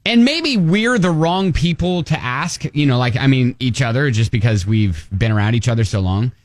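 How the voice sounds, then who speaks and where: An Ohio man co-hosting a radio show tells a story during a casual on-air chat. His mid-range, slightly nasal voice has lively intonation and lots of quick restarts, with no echo.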